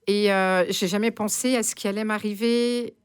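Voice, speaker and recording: A woman's voice: medium pitch, fairly even intonation, moderate pace, clear, resonant tone. A woman in her sixties from France, a radio guest telling her story with many hesitations and fillers. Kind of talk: casual radio interview.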